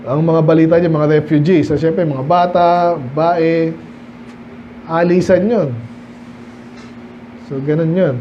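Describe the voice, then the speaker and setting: A man gives a midweek Bible study sermon in a high voice, reading each verse and then unpacking it in a relaxed, conversational way. He keeps asking his listeners questions. The church recording sounds dull and lo-fi, with a faint hiss behind him. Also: takes it slowly, long pauses. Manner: explains English verses in conversational Filipino, rhetorical questions. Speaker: pastor.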